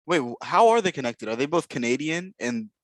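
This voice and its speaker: Here a man's mid-range voice carries a sing-song lilt at a fairly quick pace as he co-hosts a podcast. He picks apart basketball draft prospects casually but analytically, leaning on lots of fillers and hedges. It's a dry recording.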